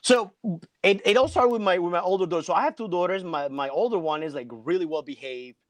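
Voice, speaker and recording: Chatty man, high and dry. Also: quick pace, no echo. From Colombia. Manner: chatty, peppers speech with "like". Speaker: guest, math teacher. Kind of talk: casual interview chat. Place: home basement.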